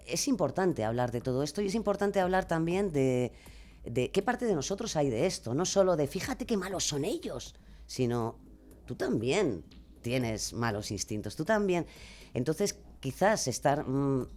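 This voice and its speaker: A deep-voiced woman with a Castilian Spanish accent appears as a guest on a radio interview, where she's a true-crime podcaster. She chats casually, rambling in an expressive, self-deprecating way.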